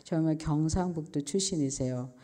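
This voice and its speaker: A woman in her fifties, a missionary and social worker, gives an earnest and emotional personal testimony that often drops to a soft near-whisper. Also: sits low, a little fast.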